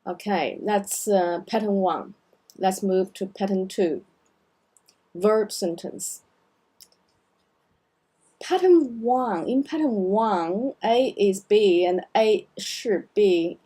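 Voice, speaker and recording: A middle-aged woman teaching a beginner language lesson, explaining slowly and drilling words over and over. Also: mid-range voice, mellow, breathy edge, low-quality recording. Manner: slow, careful explanations with repeated drills.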